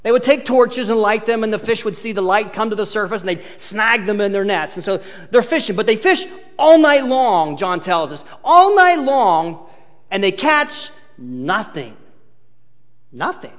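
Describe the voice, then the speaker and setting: A male pastor preaching a sermon, telling the story in an animated way with touches of humor, in a large hall. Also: high-pitched, moderate pace. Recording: long hall reverb.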